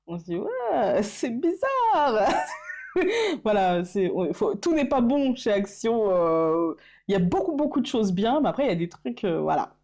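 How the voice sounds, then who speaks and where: A woman's voice: medium pitch, warm tone. A woman vlogging casually about her favorite channels, hesitant, with many fillers and restarts, laughing at herself. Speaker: YouTuber. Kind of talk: casual vlog chat.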